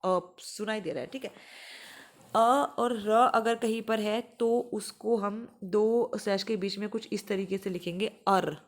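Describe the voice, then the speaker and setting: A young woman teaching exam students, explaining and slowly repeating example words. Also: mid-range voice, steady tone. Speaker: English teacher for exam prep. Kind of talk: explanatory lesson.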